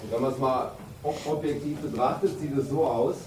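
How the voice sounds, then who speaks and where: A man in his fifties, a handball coach giving an emphatic, deliberate pre-game team talk with pauses for effect in a locker room. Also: medium pitch. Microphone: camera a few metres away. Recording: roomy, distant camera mic, background noise.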